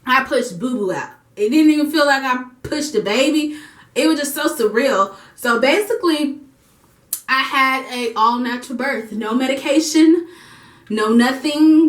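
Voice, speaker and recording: A young adult woman telling a personal story in a casual vlog at home, lively and acting out the voices of the people she quotes. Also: high voice. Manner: animated, acts out quoted voices. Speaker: vlogger. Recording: echoey room.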